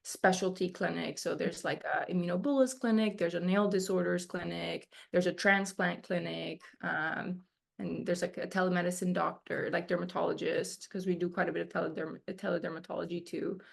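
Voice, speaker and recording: Gravelly low-voiced young woman. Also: steady tone, normal speed. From Argentina. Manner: conversational, many fillers. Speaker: dermatology resident guest. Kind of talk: casual interview.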